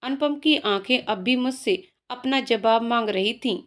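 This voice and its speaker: A woman narrating an emotional first-person story in a soft, gentle reading voice. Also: a little high, a little slow.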